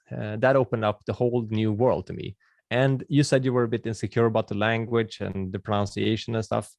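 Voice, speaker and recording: Hosting a webinar, this Swedish man with a Swedish accent answers viewer questions in a friendly, chatty way, frequently restarting sentences and using fillers. His medium-pitched voice is gravelly and a little mellow, recorded with no room sound.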